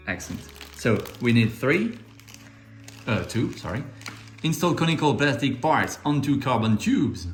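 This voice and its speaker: A man with a French accent hosting a bilingual model-assembly tutorial, easygoing and joking at himself as he explains each step. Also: medium pitch. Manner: easygoing, jokes at himself, repeats each step in two languages. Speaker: RC model hobby video host. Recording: echoey room.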